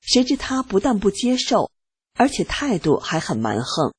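A woman radio reader giving a steady, earnest scripted reading of a first-person testimony on a studio microphone. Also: mid-range voice, moderate pace, slightly rough, no echo.

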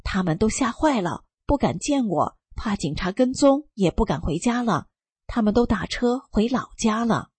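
A woman reading a first-person testimony aloud, telling it in a calm and steady way. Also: on the high side, normal speed, breathy edge, dry recording. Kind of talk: scripted narration.

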